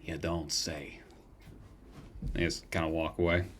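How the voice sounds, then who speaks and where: A man's voice: a bass voice, flat delivery, a little slow, fairly bright tone, a little hiss or hum. A man narrating a tabletop game as game master in a casual, crude way.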